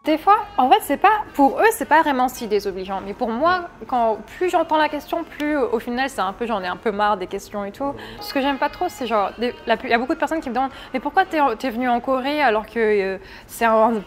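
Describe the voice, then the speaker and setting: This interview guest, a Frenchwoman in her twenties, has a high, animated voice and talks a little fast with hardly any pauses. Faint music sits behind her easygoing, candid chat, and she keeps restarting sentences.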